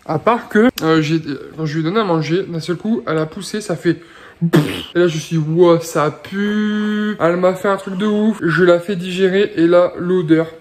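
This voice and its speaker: A young mother in a casual home vlog, talking softly and cooingly to her baby between chatty updates. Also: lowish voice, normal speed, hardly any pauses, a little hiss or hum. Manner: soft cooing baby talk.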